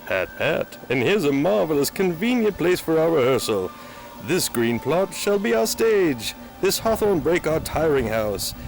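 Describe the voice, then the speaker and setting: A man's voice: fairly high pitch, gravelly, full character voice, low-quality recording. A man playing a fussy amateur director. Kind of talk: amateur home Shakespeare performance.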